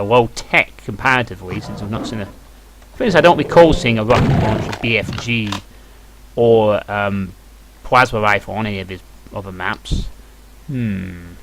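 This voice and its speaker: Over background music and some noise, this man's mid-range voice carries his casual gaming commentary. Hosting a let's play, he thinks out loud, musing and dryly critical.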